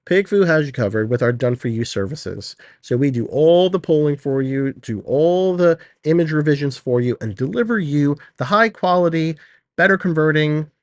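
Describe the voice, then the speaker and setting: A man's voice: a little high, no echo. Sick man hosting a product teardown. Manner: casual, chatty, addresses viewers directly. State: sick, slightly out of breath. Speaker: host. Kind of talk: screen-share product teardown.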